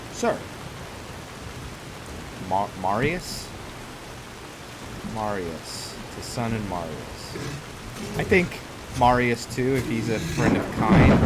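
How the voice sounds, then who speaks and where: Fairly low in pitch, this man's voice competes with heavy background noise: loud game music, rain, and thunder. He hosts a roleplay let's play on YouTube, rambling casually off the cuff and talking to the characters.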